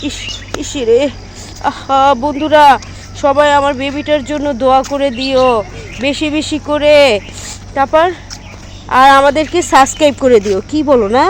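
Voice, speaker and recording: Chatty high-voiced woman vlogger. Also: steady tone, moderate pace, pauses often, slight background noise. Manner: chatty, addresses viewers as friends, gently coaxing. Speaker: vlogger and mother. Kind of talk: casual family vlog narration to viewers. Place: outdoors on a village walk.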